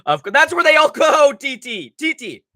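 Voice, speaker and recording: A very high-voiced young man speaks at a moderate pace in a clean, echo-free studio recording. Hosting a casual livestream with a nose blocked by a cold, he rambles profanely and excitably about fight picks.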